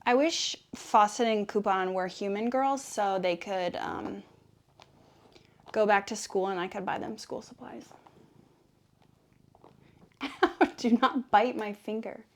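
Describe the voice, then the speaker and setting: A woman's voice: medium pitch, unhurried. A woman chatting casually for ASMR while brushing a cat, rambling playfully and slipping into affectionate talk to her pet. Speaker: vlogger making ASMR videos. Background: cat purring.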